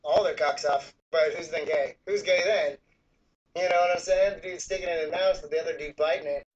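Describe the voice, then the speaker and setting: A man's voice: on the high side, steady tone, fairly quick, dull audio. A man hosting a casual smoking show, talking like a crude, slangy stoner. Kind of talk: casual chat. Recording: noticeable background noise.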